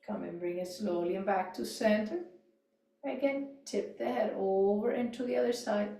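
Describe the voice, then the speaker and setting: A woman gently guiding a yoga and mindfulness class, cueing neck movements, voice exercises and breathing in a calm way with soft trailing endings. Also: medium pitch, normal speed, creaky, distant mic. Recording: echoey room, voice off-mic.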